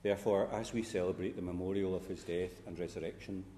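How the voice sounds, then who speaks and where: A very low, mellow male voice reciting liturgical prayers in a measured, solemn way. His words roll out into a long cathedral echo that hangs in the large church. A faint hum of the room sits underneath. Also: fairly even intonation. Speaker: priest celebrating a funeral Mass.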